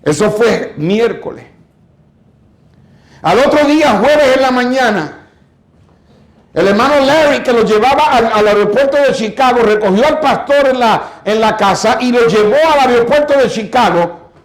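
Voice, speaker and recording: A man's voice: very high voice, animated, normal speed, reverberant. A man preaching a sermon as pastor, telling a story dramatically and exhorting his listeners. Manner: dramatic storytelling, acting out quoted voices; scolding, exhorting. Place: church.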